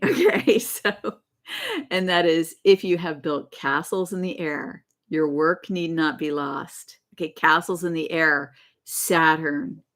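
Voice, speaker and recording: A woman's voice: fairly low pitch, a bit bright. A woman hosting a casual spiritual livestream, talking in a rambling way, correcting herself and laughing as she goes. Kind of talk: casual live-stream talk.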